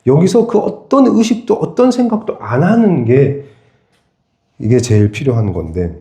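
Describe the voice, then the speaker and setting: A man's voice: mid-range voice, sing-song, moderate pace, dark tone, reverberant. A pastor preaching a sermon in a church. He keeps asking the congregation questions and answers them himself. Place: church sanctuary.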